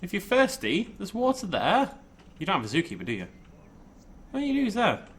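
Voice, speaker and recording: A man's voice: high-pitched, huge pitch swings, a little fast, fairly bright tone, husky. A man giving casual, informal game commentary, thinking aloud and playfully talking to the game. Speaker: gaming video host.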